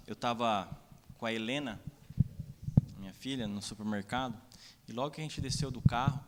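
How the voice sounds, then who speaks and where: A young adult Brazilian man preaching a sermon, telling personal stories and acting out the dialogue. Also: medium pitch. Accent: Brazilian Portuguese. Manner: storytelling, acts out dialogue, many "né?" asides. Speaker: pastor. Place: church sanctuary. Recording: long reverb of a church hall.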